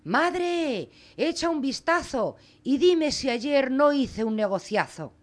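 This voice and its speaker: A naive peasant boy from a fairy tale, voiced by a woman, eager and easily frightened. His voice is high and jumps around in pitch. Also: sing-song, measured pace. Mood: proud.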